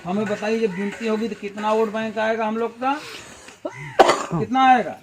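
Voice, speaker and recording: A man's voice: high-pitched, normal speed, heavy background noise. A man giving an outdoor village meeting speech as a party organizer, full of rhetorical questions and folksy analogies.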